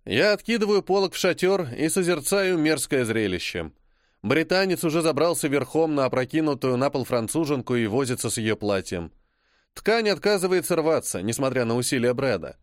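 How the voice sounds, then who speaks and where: Lively man narrating an audiobook. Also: medium pitch, no room sound, studio quality. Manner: calm, measured reading. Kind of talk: first-person novel narration.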